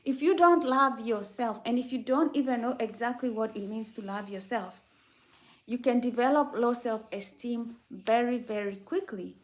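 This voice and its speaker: A woman from Kenya hosts a faith-based motivational talk on a livestream. She speaks in a fairly high voice and preaches with emphasis, often repeating her key lines for effect. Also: normal speed. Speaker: livestream host.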